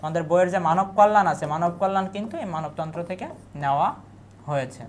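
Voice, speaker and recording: A woman's voice: on the low side, fast talker, slight background noise. Woman teacher talking through exam answers. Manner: asks questions and answers them herself; repeats key words and lists. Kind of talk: exam-prep lecture.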